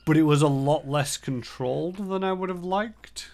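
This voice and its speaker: A man's voice: fairly high pitch, moderate pace, vocal fry, darkish tone. A man streaming a video game, chatting casually and thinking aloud with lots of fillers. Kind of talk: casual gameplay commentary.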